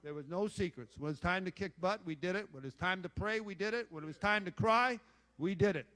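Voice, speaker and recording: A man's voice: sits high, fast talker, bright, forceful tone. An older man, a former football coach, giving a rambling speech full of stories, blunt and salty, swearing and joking with the crowd.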